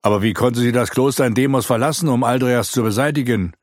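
A man voicing a blunt, hot-tempered knight who speaks grimly and forcefully. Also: medium pitch, quick pace, no room sound, studio quality, voice pushed up, close to an everyday voice. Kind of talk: audiobook character reading.

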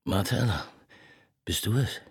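A man voicing a troubled middle-aged man with a cracked, brittle voice, halting and half-whispering in an audiobook dialogue. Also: lowish voice, animated, slightly rough, no room sound, clean studio sound, full character voice. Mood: pleading.

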